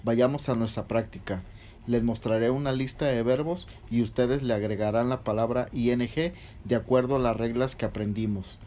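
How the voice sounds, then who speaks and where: A man's voice: mid-range voice, steady tone, normal speed, dark tone, slight background noise. A man teaching English verb rules in a patient, step-by-step lesson, spelling out letters one by one. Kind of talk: slow step-by-step grammar explanation.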